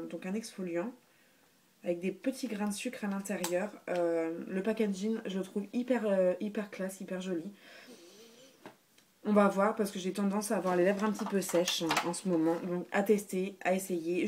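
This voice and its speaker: A woman's voice: mid-range voice, a little mellow, slight background noise. A woman chatting casually through a beauty haul video, hesitant, with many fillers and restarts. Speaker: beauty vlogger.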